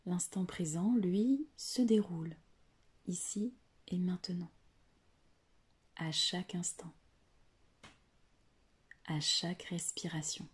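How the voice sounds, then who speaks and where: A woman leading a guided yoga nidra meditation, speaking softly and slowly and often slipping into a whisper. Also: on the low side. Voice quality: very breathy. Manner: soft, slow, partly whispered guidance.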